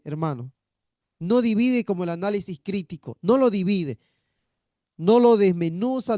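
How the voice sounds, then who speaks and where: A man's voice: sits high, a little mellow, no echo, clean studio sound. A man teaching a theology class, repeating his points and asking rhetorical questions to check the students follow. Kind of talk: classroom lecture.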